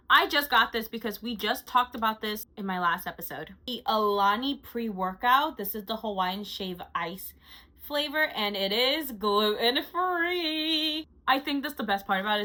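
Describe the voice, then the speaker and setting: A woman's voice: medium pitch, sharp tone, low-quality recording. A woman vlogger chatting casually through a monthly recap, gushing and chatty with frequent fillers. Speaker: lifestyle vlogger.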